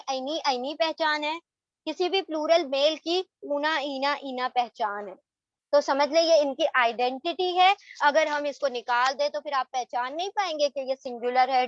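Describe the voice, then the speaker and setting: High-voiced woman teaching grammar. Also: a bit bright, no echo, lo-fi sound. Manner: mixes English terms into her Urdu, checks in with "theek hai?". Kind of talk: online lesson explaining slides.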